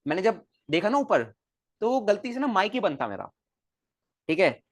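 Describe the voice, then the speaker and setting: Animated male physics teacher, dry room. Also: high voice, normal speed, no echo. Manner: animated, coaxing, repeats questions to students. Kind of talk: recorded classroom lecture.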